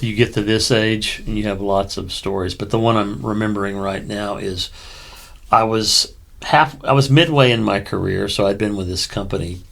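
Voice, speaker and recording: A middle-aged man with a low, gravelly voice, co-hosting a relaxed podcast conversation. He talks in a reflective, unhurried way, pausing to think as he goes. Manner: thoughtful, reflective, unhurried with fillers. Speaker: co-host.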